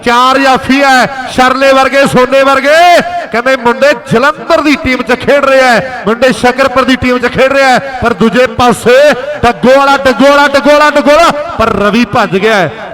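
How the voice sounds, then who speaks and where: A man with a Punjabi accent giving excited live kabaddi commentary, chanting names and cheers over and over. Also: very high-pitched. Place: outdoor kabaddi ground. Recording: crowd noise around the commentary.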